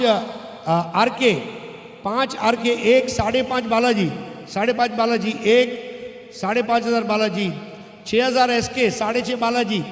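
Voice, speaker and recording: Male auctioneer, very high pitch, repetitive clipped bid-calling chant, reverberant hall sound. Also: a bit bright. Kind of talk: auctioneer's chant of rising bids at a live auction. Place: large echoing room at a live event. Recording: echoey hall with long reverb.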